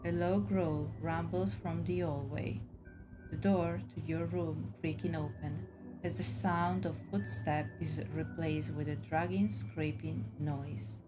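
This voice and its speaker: Low-pitched and steady, this woman takes her time reading story game narration with dramatic storybook flair, occasionally tripping on a word. The recording is rough, and a music bed runs clearly underneath.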